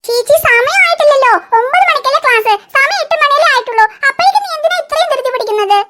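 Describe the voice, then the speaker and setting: A woman's voice: very high-pitched, animated, fast, bright, forceful tone, dry recording, full character voice. A woman voicing a tearful, whiny schoolgirl younger sister in a cartoon. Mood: cheeky. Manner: whiny, sobbing pleas. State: crying. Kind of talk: cartoon voice acting.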